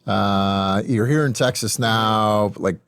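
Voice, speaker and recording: A man with a low voice interviews someone in a casual, conversational way. He prompts and interjects informally, and the recording is very dry, with no room around him. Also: takes it slowly, fairly bright tone, clear, resonant tone, dry recording. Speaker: interviewer, podcast host.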